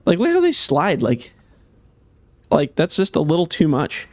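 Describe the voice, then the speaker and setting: Man, casual gameplay commentary, chatty, slightly hoarse, dry close sound. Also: on the high side, huge pitch swings, measured pace, no room sound. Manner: chatty, thinking aloud, many fillers. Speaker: game modder.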